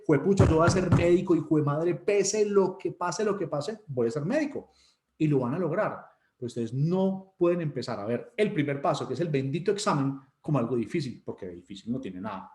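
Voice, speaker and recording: A man with a Colombian Spanish accent teaching an online class, joking and animated, sometimes putting on mocking voices. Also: a little high, reverberant. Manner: joking, animated, mocks students with put-on voices.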